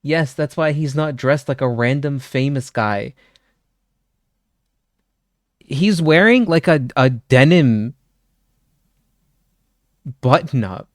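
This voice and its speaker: A man's voice: medium pitch, lively intonation, slow pace, pauses often, dry recording, clean studio sound. A man live-streaming, riffing jokes and swearing while he talks to his chat. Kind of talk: casual reaction chat.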